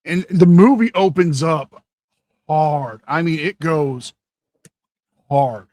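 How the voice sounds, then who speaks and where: Man co-host, somewhat high pitch, dry sound, excitable, trips over names. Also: slow pace, no echo. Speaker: podcast co-host. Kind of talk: casual chat.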